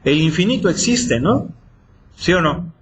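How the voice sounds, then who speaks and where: A man's voice: a little high, very animated, measured pace, slight background noise. Math teacher quizzing his class. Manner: quizzing students with repeated questions. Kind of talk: classroom lecture.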